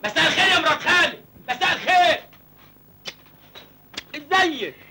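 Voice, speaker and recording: A cheeky freeloading Egyptian nephew. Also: male voice, very high voice, lively intonation, a little fast, background noise. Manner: cheeky, whining comic banter. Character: cheeky young orphaned village man, freeloading nephew.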